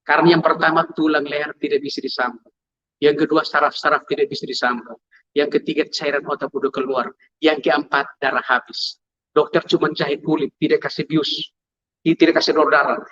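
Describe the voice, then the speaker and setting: A man's voice: fairly high pitch, steady tone, a little fast, fairly bright tone, dull audio. A man telling his testimony to a congregation, storytelling vividly and acting out sounds. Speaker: testimony speaker.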